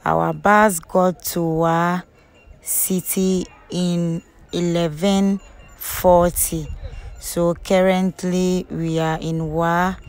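A woman's voice: lowish voice, flat delivery, very slow, clear, resonant tone. A young woman, chatting to her viewers as a travel vlogger, recorded on a phone held at arm's length. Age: young adult. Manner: chatty, addresses viewers directly. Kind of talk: casual travel vlog. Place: outdoors on roads and in vehicles. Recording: loud road and vehicle noise. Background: traffic and engine noise.

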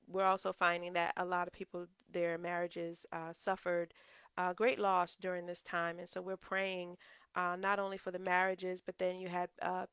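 A woman bishop preaching, reading scripture slowly and teaching in a conversational way with many fillers and restarts. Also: medium pitch, vocal fry, a bit bright, clear, resonant tone, no echo. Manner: reads scripture in a slower, measured cadence. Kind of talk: sermon teaching.

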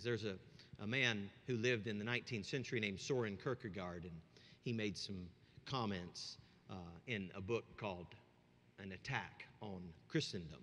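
A male pastor preaching a sermon, conversational and checking in with the congregation, swinging from hushed asides to shouted emphasis. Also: lowish voice. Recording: long reverb of a large hall.

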